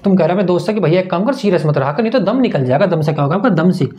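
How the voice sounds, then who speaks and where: A man's voice: high voice, animated, very fast, mellow. A man teaching memory tricks in a lesson, asking questions and answering them himself in a sing-song way. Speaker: exam-prep teacher. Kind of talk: mnemonic lesson to camera.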